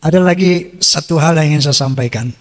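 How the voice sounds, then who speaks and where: A man preaches a sermon briskly in a slightly high voice, with a long reverb tail. He quotes scripture verses and translates them, and puts rhetorical questions to his listeners.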